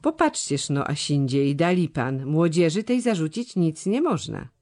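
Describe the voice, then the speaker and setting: A man's voice: fairly high pitch, very animated, normal speed, a little mellow. A reader voicing an outspoken, quarrelsome nobleman in an audiobook. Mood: reproachful. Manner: reproachful, outspoken.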